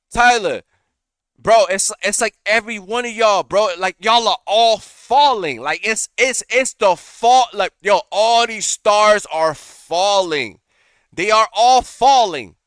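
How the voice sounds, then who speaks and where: Slangy, animated young man reacting. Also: high voice, smooth, no room sound, clean studio sound. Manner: animated, slangy, repeats himself. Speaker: reaction streamer. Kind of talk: casual reaction commentary.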